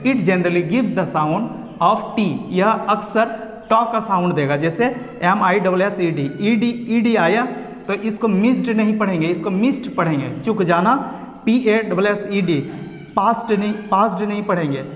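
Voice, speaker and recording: A man teaching an English pronunciation lesson, spelling letters out and repeating each word slowly. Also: sits high, a bit bright. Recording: echoey room with long reverb.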